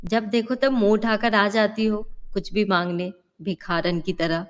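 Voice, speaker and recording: A woman's voice: medium pitch, steady tone, measured pace, big-room sound, natural voice. A woman playing a spiteful, sneering neighbor. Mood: scornful. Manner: scornful, mocking.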